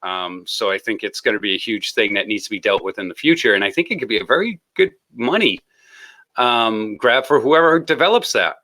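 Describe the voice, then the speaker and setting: His voice is lowish, bright and open, animated and a little fast as he hosts a casual live stream. He jokes his way through greeting guests, rambling loosely and laughing often.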